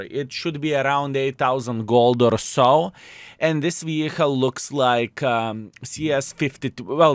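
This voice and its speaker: A man with a Lithuanian accent and a medium-pitched voice hosts a gaming video, chatting casually as he plays. He often calls his viewers "fellas," and the recording has no echo.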